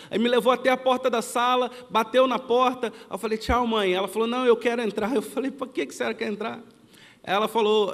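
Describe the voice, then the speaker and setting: A man's voice: extremely high pitch, long reverb tail. A man with a Brazilian Portuguese accent preaching a sermon, telling a childhood story and acting out the family's lines. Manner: storytelling, acts out quoted family dialogue. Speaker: pastor. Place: church.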